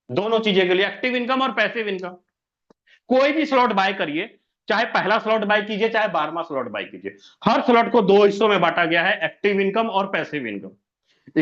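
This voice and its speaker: A man's voice: high voice, bright, forceful tone, lo-fi sound. A man presenting a plan, walking through a diagram step by step, repeating points and asking and answering his own questions. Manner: repetitive, asks and answers own questions, says "sir". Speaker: presenter explaining an income plan. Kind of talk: explanatory walkthrough of a diagram.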